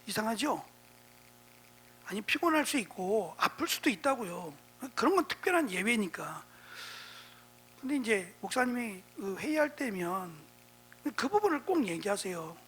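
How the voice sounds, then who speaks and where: A man's voice: high voice, big pitch swings, normal speed, fairly bright tone, a little hiss or hum. A male pastor preaching a Bible exposition sermon in a conversational way, often checking in with the congregation through rhetorical prompts.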